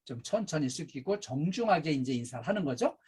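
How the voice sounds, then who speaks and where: At a staff training session, a middle-aged man delivers a safety and customer service lecture at a brisk clip. His voice is lively and swooping, rising and falling for emphasis, somewhat husky and a bit higher than most men's, and he leans heavily on fillers as he explains.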